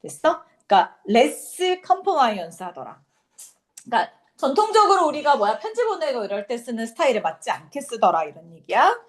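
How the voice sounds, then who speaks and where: Lively woman teacher quizzing her class. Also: a little high, normal speed. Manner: lively, quizzing students, casual banter. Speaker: English teacher. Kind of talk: classroom lecture.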